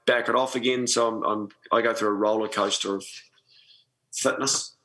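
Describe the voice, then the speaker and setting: Casting: male podcast guest, New Zealand accent, bright sharp voice, slangy and matey, casual chat. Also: lowish voice, steady tone, normal speed, rough recording. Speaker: podcast guest, sailing club commodore.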